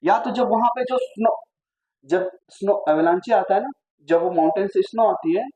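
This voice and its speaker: A man's voice: high-pitched, moderate pace, dark tone, rough recording. A male physics teacher giving a chatty classroom lecture, asking the class questions and joking as he explains. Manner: chatty, asks the class questions, jokes and digresses.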